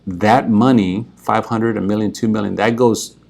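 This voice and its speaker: A man with a slightly low voice speaks as a financial advisor, explaining his services directly to the viewer. His delivery is earnest and persuasive, and he keeps checking in with the listener through little "right?" and "okay" asides. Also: steady tone, normal speed, vocal fry, darkish tone.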